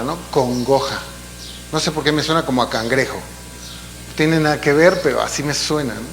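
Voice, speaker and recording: A man's voice: on the high side, a bit bright. A man preaching a sermon in a church, explaining in a conversational way with asides and rhetorical questions. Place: church hall. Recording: long hall reverb, faint hum.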